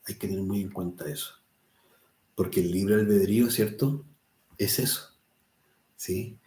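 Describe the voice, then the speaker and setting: Man, spiritual teacher, mellow dark voice, roomy echo. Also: on the low side, fairly even intonation, a little slow. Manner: conversational, tags "¿cierto?" often, quotes people in little voices. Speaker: course teacher. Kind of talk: spiritual lesson answering a student.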